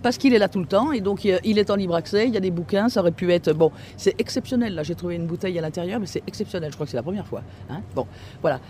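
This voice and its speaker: High-voiced man explaining, full of fillers. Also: expressive, a little mellow, slight background noise. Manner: halting, heavy with fillers and tag questions. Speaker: recycling centre staff member. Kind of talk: explaining on-site to an interviewer. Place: outdoors on a street by a book fridge.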